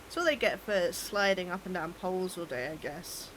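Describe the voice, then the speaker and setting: A woman's voice: lowish voice, lively intonation, moderate pace, a bit bright, slight background noise. Chatty British woman streamer, teasing. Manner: chatty, teasing, laughs often, stumbles and repeats words. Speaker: game streamer. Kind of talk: casual chat while gaming, reading chat.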